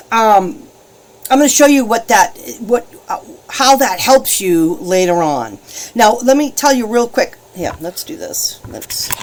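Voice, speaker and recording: A bubbly, chatty woman talks viewers through a live painting session, and she laughs often. Her voice swings up and down a lot as she greets people and explains her supplies. It sits at an ordinary middle pitch. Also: slight background noise. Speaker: alcohol ink painting host. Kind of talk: casual live-stream painting demo.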